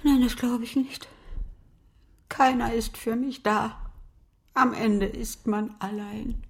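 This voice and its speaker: A woman's voice: a little high, fairly even intonation. A frail, plaintive dying mother. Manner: faint, slow and plaintive. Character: frail dying mother, self-pitying and clinging. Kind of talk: radio play acting.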